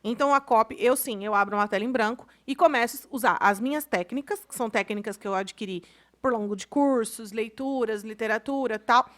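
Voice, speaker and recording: A woman from Brazil co-hosting a podcast in casual chat, emphatic and opinionated, quick to push back. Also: on the high side, a bit bright. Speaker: podcast co-host.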